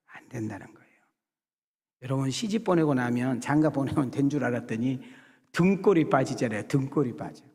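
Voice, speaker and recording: A man's voice: on the high side, gravelly. Middle-aged male pastor, casual humorous preaching style with acted-out bits, recorded in a reverberant sanctuary. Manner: conversational, jokey, acts out scenes with shouted voices. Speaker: senior pastor. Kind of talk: sermon. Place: church sanctuary. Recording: long hall reverb in a church sanctuary.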